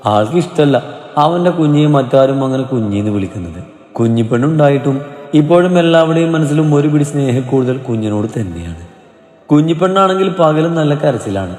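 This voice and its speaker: A man narrating a family story in a gentle, steady storytelling manner. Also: on the high side. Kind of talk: scripted narration. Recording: roomy reverb, soft music behind.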